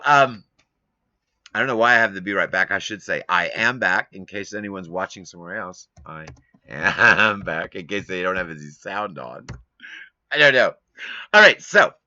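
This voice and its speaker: A low-pitched man with a bright, very forceful tone rambles his way through a casual live stream from his home studio. He grumbles at length while his pitch rises and falls a lot. The recording is dry and a little dull. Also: no room sound.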